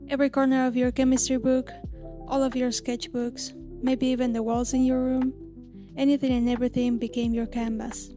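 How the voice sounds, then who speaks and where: A woman in her thirties from Argentina, an illustrator narrating her own story in a gentle, reflective scripted voice-over. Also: on the high side. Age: 30s. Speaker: illustrator and channel host. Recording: lo-fi music bed under voice.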